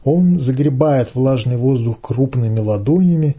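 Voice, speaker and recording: A man reading a story aloud in a measured, even way. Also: medium pitch, husky. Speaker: reader.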